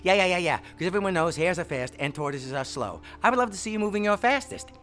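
A man's voice: sits high, sing-song, a bit bright, faint music behind, voice pushed up. A man doing a cocky, teasing hare. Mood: mocking. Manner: mocking, fast and bragging. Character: boastful teasing male hare, quick and cocky.

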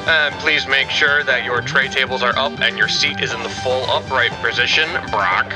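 A man doing an impression of an airline pilot making cabin announcements, in a calm, measured announcer manner over guitar music. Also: mid-range voice, natural voice, poor audio. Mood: calm official. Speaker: podcast host.

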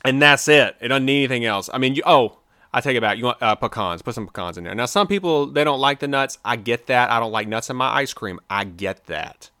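Animated man, bright dry voice. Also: mid-range voice, a little fast, no echo. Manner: animated, opinionated, playful. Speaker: podcast co-host. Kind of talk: casual chat. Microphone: remote video call.

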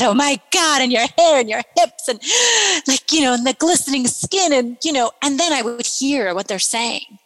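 A woman from Iran, a podcast guest, telling her story in an animated, rambling way. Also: high voice, big-room sound, rough recording. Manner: animated storyteller with many fillers and restarts. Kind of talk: casual storytelling in conversation.

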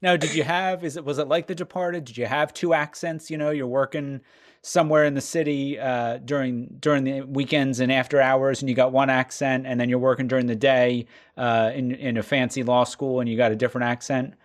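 A man's voice: medium pitch, steady tone. Chatty teasing podcast host, a man. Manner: chatty, teasing, quick asides. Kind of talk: casual joking interview.

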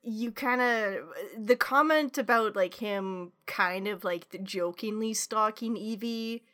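A woman's voice: medium pitch, slow pace, fairly bright tone. A woman co-hosting a podcast in casual chat, rambling with many restarts and swearing freely. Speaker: podcast co-host.

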